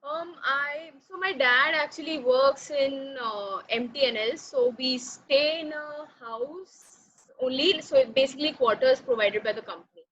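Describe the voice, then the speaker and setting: A young woman from Mumbai speaks with an Indian English accent, her voice high and bright. She talks casually and freely, sprinkling in fillers and quick laughs. The recording sounds dull and lo-fi. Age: 20s. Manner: chatty, laughs easily, many fillers. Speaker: interviewee. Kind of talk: casual interview chat.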